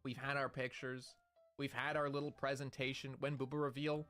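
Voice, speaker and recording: A man's voice: medium pitch, level tone, normal speed, a bit bright, clear, resonant tone, soft background music. Hyped, rambling male streamer. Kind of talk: casual live-stream chat.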